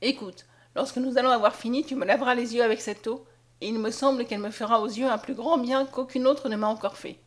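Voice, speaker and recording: A woman voicing a gentle, soft-spoken blind young man in an audiobook reading. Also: a little high, steady tone, quick pace, natural voice. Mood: tender. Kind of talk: audiobook character voice.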